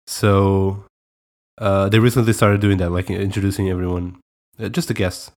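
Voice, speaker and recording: Co-hosting a laid-back podcast, this young man from Portugal speaks at a moderate pace in a low voice with a Portuguese accent. He hesitates easily and laughs a lot.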